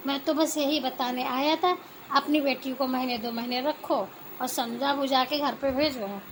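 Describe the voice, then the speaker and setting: A woman's voice: high-pitched, fairly even intonation, measured pace, slight background noise, low-quality recording. A woman voicing a blunt son-in-law who complains about his wife, in a homemade family skit. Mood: complaining.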